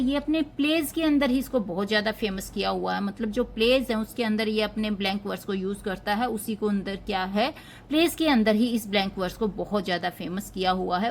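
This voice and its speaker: A woman teaching an exam-prep lesson on literary terms. She asks a question and answers it herself, and she slows down to spell out English terms. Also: fairly high pitch, a little hiss or hum.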